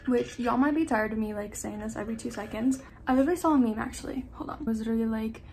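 A woman's voice: fairly high pitch, fast, gravelly, a little mellow, slight background noise, rough recording. A young woman with a slight lisp, chatting casually at home while getting ready, rambling and self-deprecating. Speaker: vlogger. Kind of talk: casual get-ready-with-me chat. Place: at home, indoors.

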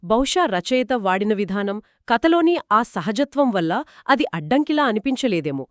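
Woman co-host, book podcast, higher voice, dry close sound, explains reviews. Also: sing-song, moderate pace, dry recording. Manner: explains and sums up reader reviews.

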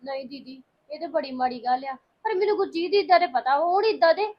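A young woman plays a newly married peacemaker in a family drama, soothing and deferential. She speaks high and quickly. The recording is slightly dull and lo-fi. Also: close to an everyday voice. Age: young adult. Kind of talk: domestic drama acting.

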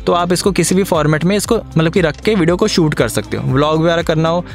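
Young man with a high voice, talking gear in his car on a phone mic, faint music under it. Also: fast talker. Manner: chatty, explanatory, addresses viewers as friends. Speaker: vlogger. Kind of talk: casual tutorial vlog. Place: inside a moving car, then outdoors by the car. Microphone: phone's built-in mic.

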